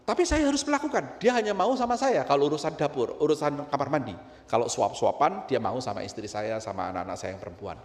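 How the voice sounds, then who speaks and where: A middle-aged man from Indonesia, a pastor telling a personal story in a sermon, dropping to quiet low asides and rising to loud high outbursts. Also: animated, quick pace. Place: church hall. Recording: roomy church hall with long reverb.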